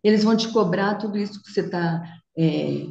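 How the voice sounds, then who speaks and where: A woman doing a calm, protective man. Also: medium pitch, brisk, gravelly, reverberant, lo-fi sound, lightly acted. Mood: earnest. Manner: quiet, earnest warnings.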